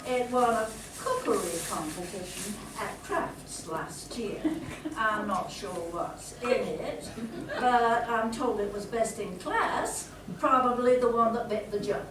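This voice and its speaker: A woman's voice: a little high, lively intonation, slow, crowd noise. Woman acting brash folksy train conductor, echoey hall. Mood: chatty. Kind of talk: amateur comic pantomime stage acting. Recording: echoey hall from far off, noisy audience.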